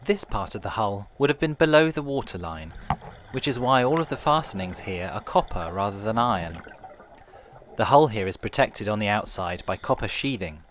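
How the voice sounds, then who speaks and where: A man narrating a scripted guided tour in a calm, measured, explanatory way, like a museum guide. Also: on the low side, slight background noise. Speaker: tour guide narrator of a shipwreck dive trail.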